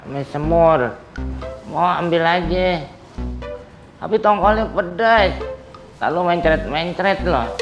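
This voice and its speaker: Drowsy absurd grumbler, deadpan film comedy, unhurried delivery, loud music. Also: male voice, on the high side. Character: drowsy, grumbling man woken at night, rambling absurdly.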